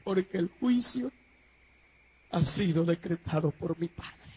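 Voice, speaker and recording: A man's voice: sits high, slow, darkish tone, slightly rough, muffled recording, voice pushed down, exaggerated voice. A man preaching, voicing the Lord in solemn, declaiming tones within his sermon. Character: the Lord speaking solemnly, male.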